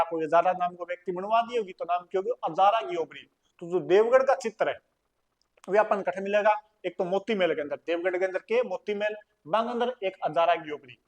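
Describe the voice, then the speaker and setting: A man with a Rajasthani accent teaching an online class, repeating key points and quizzing his students with questions he answers himself. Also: high voice. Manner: folksy dialect asides and jokes. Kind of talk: online exam-prep lecture.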